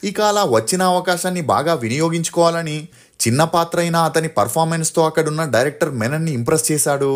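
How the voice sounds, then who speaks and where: A man narrating a scripted true-story video, opening with dramatic questions to hook the viewer. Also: fairly high pitch.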